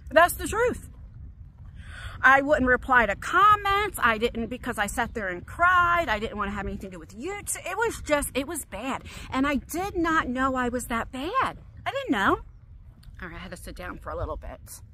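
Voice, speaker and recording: In a confessional personal vlog, a middle-aged woman paces as she rambles emotionally about her life, restarting her sentences. Her high voice is very animated, pushed and bright at a moderate pace, with a little hiss or hum in the recording.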